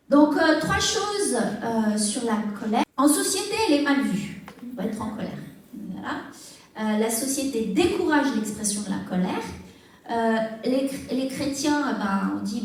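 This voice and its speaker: Lady pastor teaching in church, kinda high voice, lots of euhs, plays out little back-and-forths, big echo, mic far off. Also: a little mellow. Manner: conversational, many fillers, acts out little dialogues. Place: church hall. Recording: echoey room, mic at a distance.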